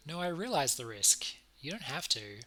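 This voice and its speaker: Man voicing a gentle, earnest unicorn in bright tones. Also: fairly high pitch, big pitch swings, normal speed, a little hiss or hum, rough recording. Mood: worried. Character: gentle, worried male unicorn of ethereal beauty. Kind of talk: visual novel character voice.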